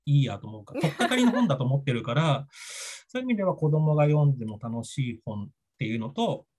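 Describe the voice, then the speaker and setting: A man talks fast and loose in a casual podcast chat, his voice a little husky. His pitch swings widely as he jokes and laughs at himself. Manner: lively, laughing, self-deprecating storyteller. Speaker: guest author and art teller.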